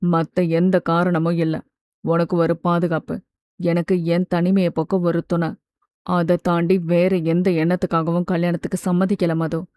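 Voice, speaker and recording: A woman voicing a calm, caring young man who reassures a close friend in an audiobook. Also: on the low side, measured pace, dry recording, pitched below the performer's own voice, natural voice. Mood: soothing. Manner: steady, gently reassuring. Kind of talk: audiobook character voice.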